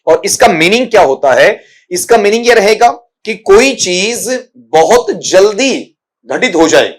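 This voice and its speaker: A man's voice: high voice, very animated, measured pace. Man teaching English grammar patiently. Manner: explains patiently, addressing students as "beta"; mixes English grammar terms into his talk. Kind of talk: exam-prep grammar lesson.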